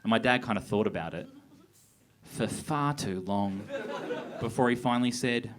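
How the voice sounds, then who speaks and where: A young man doing a stand-up set on a theatre stage, with a deadpan, awkward, self-deprecating delivery. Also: on the low side, normal speed. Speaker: stand-up comedian. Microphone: handheld stage mic. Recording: live theatre with crowd laughter. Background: audience laughter.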